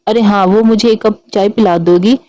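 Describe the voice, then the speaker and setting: A woman voicing an elderly grandmother who is affectionate and gently teasing. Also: medium pitch, fairly even intonation, normal speed, no room sound, close to an everyday voice, poor audio. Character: elderly loving grandmother, fond and fussing.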